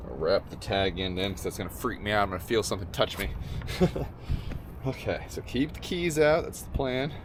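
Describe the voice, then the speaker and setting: A man's voice: fairly low pitch, moderate pace. A man chatting casually to camera in a vlog as he gears up to spearfish from a coastal jetty, upbeat and often laughing at himself, recorded on an action camera in a waterproof case. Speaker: spearfishing vlogger. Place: outdoors on a coastal jetty, getting ready to dive. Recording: noisy outdoor action-camera audio.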